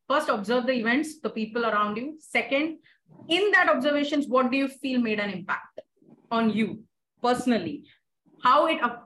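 Woman, Indian accent, higher voice, emphatic discussion host, roomy echo, background noise. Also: a bit bright. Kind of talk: casual moderated discussion.

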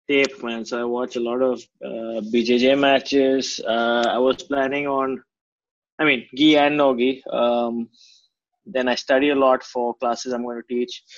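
A martial arts coach with an Indian accent answers questions as an interview guest, his talk casual, blunt and slangy. His voice sits at medium pitch, and the audio has no room sound, dry but slightly dull.

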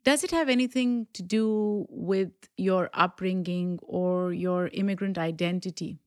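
A woman's voice: fairly low pitch, unhurried, a little mellow, dry recording, studio quality. A woman hosting a podcast interview, asking curious questions and affirming her guest with short interjections. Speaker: podcast host.

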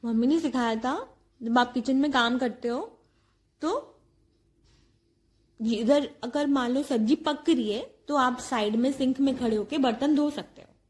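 High-voiced chatty woman storyteller. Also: a little slow, husky. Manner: chatty, exasperated storytelling with acted-out quotes. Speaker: housewife comedian. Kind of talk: comic monologue.

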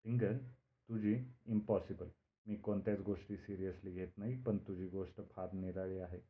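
A man's voice: deep voice, fairly even intonation, moderate pace, lightly acted. A man voicing the narrator's impulsive, carefree young friend, who answers in an offhand, evasive way. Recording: narrow phone-like band.

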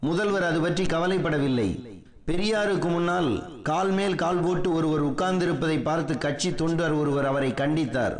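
Higher-pitched man narrating political history. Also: brisk, roomy sound.

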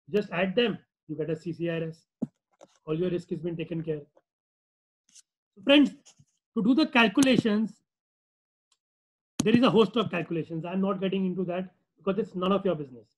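A man's voice: high-pitched, slight background noise, rough recording. A man with a North Indian accent presenting an informal finance webinar in a conversational, repetitive way with rhetorical questions. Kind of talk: informal webinar lecture with acted-out client dialogue.

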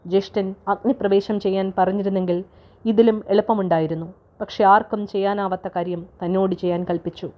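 A woman voicing a loyal young warrior prince in grief, in a calm, measured storybook reading, on a dull lo-fi recording. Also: mid-range voice, lightly acted. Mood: anguished.

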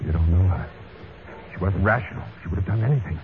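A man acting a weary, dazed confessor in an old radio drama, with a halting delivery. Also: low voice, background noise, close to an everyday voice. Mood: confused. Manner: halting, stammering. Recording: thin, tinny old radio recording with music.

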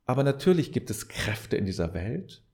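With a medium, slightly mellow voice that swings widely in pitch and carries vocal fry, a man speaks at normal speed. As a podcast host, he gives a reflective advice monologue straight to the listener, earnest and preacher-like, repeating key phrases for emphasis.

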